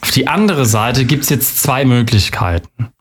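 A man's voice: medium pitch, measured pace, slightly rough. A man on a casual podcast, guessing quiz answers by thinking aloud in a playful, chatty way. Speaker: quiz contestant and co-host.

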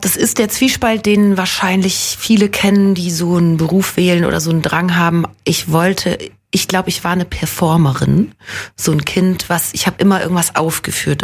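A husky-voiced woman in her thirties, from Munich, talking casually as an interview guest. She is chatty and self-deprecating, restarting sentences and dropping fillers as she goes. Her pitch sits in a middle range. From Munich, Germany. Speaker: guest actress.

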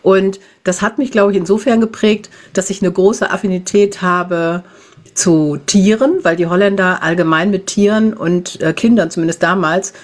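A woman's voice: mid-range voice, steady tone, normal speed. A woman in her fifties, a podcast guest who talks in a chatty way and often tags her sentences with a questioning "ne?". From Germany, raised in the Netherlands. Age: 50s. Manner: chatty, warm-hearted, lots of "ne?" tags. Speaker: podcast guest, animal communication teacher. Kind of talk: casual podcast interview.

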